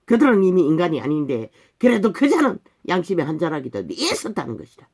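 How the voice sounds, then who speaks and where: A man's voice: on the high side, huge pitch swings, darkish tone. Fiery Gyeongsang-accented male preacher. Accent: Gyeongsang Korean. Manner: fiery, denouncing, slow solemn scripture recitation. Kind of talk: sermon.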